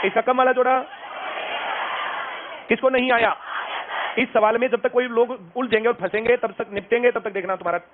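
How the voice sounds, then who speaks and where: A man teaches a maths class and keeps checking whether the students have understood. His voice sits high. The sound is thin and phone-like, with classroom chatter and noise behind it. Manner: drilling, asks students if they understood again and again. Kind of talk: classroom lecture.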